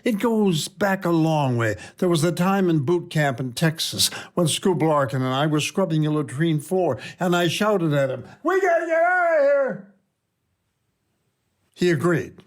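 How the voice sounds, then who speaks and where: Older guy reading his own column, wry and reflective, slightly high voice, slow pauses here and there. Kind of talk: scripted personal narration.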